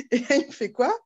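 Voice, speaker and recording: A young woman telling the story of her second child's birth at home in a chatty, casual way, often laughing and restarting her sentences. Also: high voice. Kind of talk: casual spoken testimony. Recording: slightly dull lo-fi sound.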